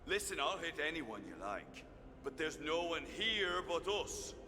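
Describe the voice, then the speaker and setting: Brawny blunt fighter, emphatic, slightly high male voice, video game dialogue, music behind. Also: sing-song, a little slow, pushed and bright, exaggerated voice. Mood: dry. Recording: hall reverb, music behind.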